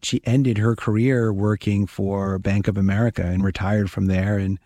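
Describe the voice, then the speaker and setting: A middle-aged man from Guyana speaks in a low, warm, mellow voice, earnest and reflective as he recounts his story. He talks conversationally, with the odd filler and restart, recorded close and dry with no room sound. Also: level tone, normal speed, dry recording. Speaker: chief deputy prosecutor, guest.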